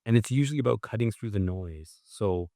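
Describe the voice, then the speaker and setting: A Canadian writer and journalist answers interview questions thoughtfully, peppering his speech with "like" and frequent restarts. His voice is on the low side, expressive and brisk, with vocal fry and a dark tone. The recording is dry and of studio quality.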